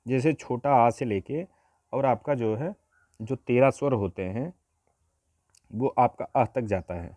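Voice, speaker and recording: A man teaches an exam-prep grammar lesson at a mid pitch. He works through each point step by step, often pausing on rhetorical questions. The voice sounds dry and close, with little room sound. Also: darkish tone, no room sound.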